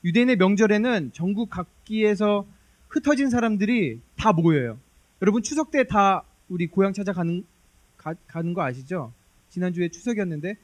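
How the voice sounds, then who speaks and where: Man preacher with a high voice, chatty and lively sermon storytelling.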